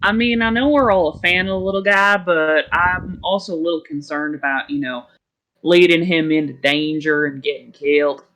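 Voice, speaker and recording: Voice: medium pitch, fairly even intonation, normal speed, fairly bright tone, poor audio. A player in a tabletop game who speaks casually and hesitantly.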